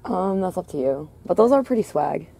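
A woman's voice: on the low side, animated, fairly quick, vocal fry, mellow, breathy edge. A teenage girl who is sick, chatting playfully and quirkily with her friend while shopping, on a handheld camera in a store. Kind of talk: casual chat while shopping. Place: indoors in a store. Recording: noisy store ambience.

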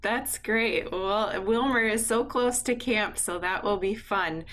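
A woman interviews a guest on a video call and asks friendly, welcoming questions. Her voice sits at an ordinary pitch. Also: takes it slowly, fairly bright tone.

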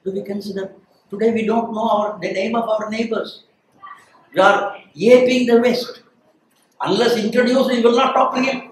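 The voice comes from a distance in a very echoey room. It is a man in his sixties with a South Indian Tamil accent, very high for a man. He lectures like a storyteller, emphatic and declamatory. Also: steady tone, normal speed, a little hiss or hum. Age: 60s. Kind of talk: animated storytelling lecture with acted dialogue. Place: small lecture room, standing before a seated audience. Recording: echoey room, far from microphone.

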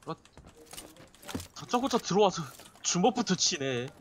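A man's voice: sits high, sing-song, unhurried, a little hiss or hum. A man in his mid-twenties chatting politely with his squad while playing a shooter. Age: 20s. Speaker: squad player. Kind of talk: casual gaming chat.

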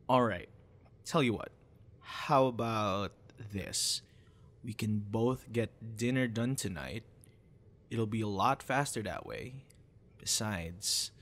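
In an ASMR roleplay, a man plays a cute, teasing young boyfriend who hides a sinister side. He speaks softly and casually in a lowish voice, acting it up heavily.

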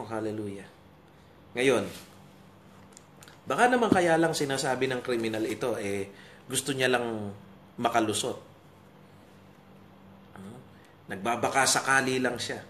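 A man's voice: medium pitch, fairly bright tone, slight background noise. Emphatic preacher man in an echoey hall. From Philippines. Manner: emphatic, rhetorical questions, calls of hallelujah. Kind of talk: morning devotion sermon. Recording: roomy hall with faint ambience.

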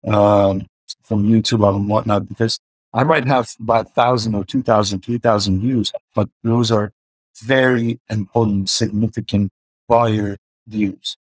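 This guest, a car filmmaker in his forties with an Iranian-Swedish accent, stumbles through a video call interview from home, using many fillers. His voice is lowish and slightly rough, fairly even in intonation and measured in pace, and the webcam recording is dry and rough.

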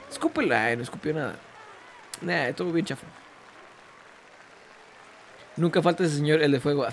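Man, Mexican accent, joking gameplay chatter, lively pitch, music playing behind. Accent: Mexican Spanish. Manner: joking, chatty, talks to the game character. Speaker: gaming YouTuber. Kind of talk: casual gameplay commentary.

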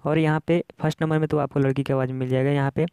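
A man's voice: on the high side, little pitch movement, racing, mellow, clean tone, no echo, studio quality. A man with an Indian accent hosting a casual app tutorial, explaining things step by step in a repetitive way. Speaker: tech tutorial host.

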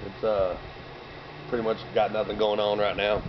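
On a cold sunny day beside bare trees and fields, a vlogger in his thirties delivers loose, slang-laden shout-outs, pausing to drink between them. His hoarse voice sits on the low side with little pitch movement and a moderate pace. The camera mic, a few meters away, yields dull lo-fi sound with outdoor noise.

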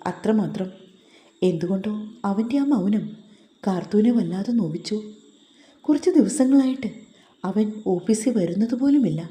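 A woman narrating a romance story in a slow, steady reading voice. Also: mid-range voice. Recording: roomy echo.

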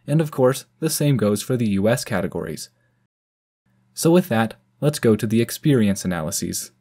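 A man's voice: fairly low pitch, expressive, normal speed, mellow, breathy edge. A man from the United States hosting a channel and narrating a scripted ski review as voice-over. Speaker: channel host.

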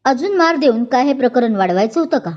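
A woman's voice: on the high side, lively intonation, moderate pace, darkish tone. A woman voicing a stern young male police inspector who scolds curtly and sounds exasperated, in a dull lo-fi recording.

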